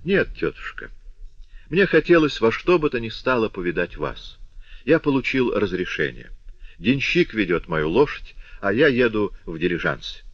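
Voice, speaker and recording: A man's voice: fairly low pitch, very animated, normal speed, no echo, dull audio. A man voicing a glib, self-assured young lancer officer. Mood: breezy. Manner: jaunty, glib, worldly-wise.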